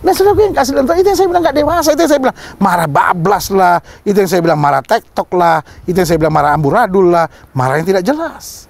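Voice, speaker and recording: A man's voice: sits high, quick pace, vocal fry, hardly any pauses, no echo. A male pastor preaching a sermon, joking with the congregation and acting out little scenes. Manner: animated, joking asides to the congregation, mock voices.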